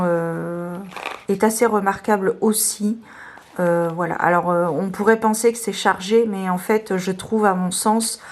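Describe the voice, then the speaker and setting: A woman presenting her tarot decks in a casual video, talking hesitantly with many fillers and restarts, a little hoarse. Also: mid-range voice, a little mellow. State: slightly hoarse, clearing her throat.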